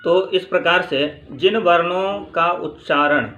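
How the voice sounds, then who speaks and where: A man teaching grammar, reading from a textbook and explaining slowly, repeating points and answering his own questions. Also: high voice, sharp tone, dull audio. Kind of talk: spoken lesson reading from a textbook.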